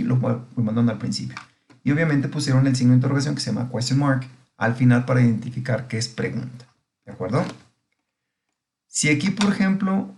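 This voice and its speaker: A man's voice: medium pitch, creaky, a little mellow. A middle-aged man, an English teacher giving a recorded grammar lesson, explaining patiently step by step and often checking that students follow.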